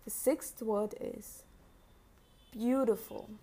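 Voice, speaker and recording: A woman's voice: fairly high pitch, slow, creaky, dark tone. A woman teacher dictating single words and repeating each one for a children's dictation test.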